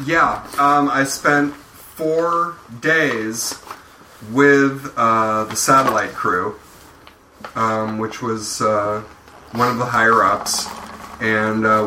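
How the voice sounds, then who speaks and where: A man's voice: lowish voice, sharp tone. A man chatting casually as a podcast co-host, rambling with many ums and uhs. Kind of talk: casual group chat. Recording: roomy, somewhat distant mic, faint noise.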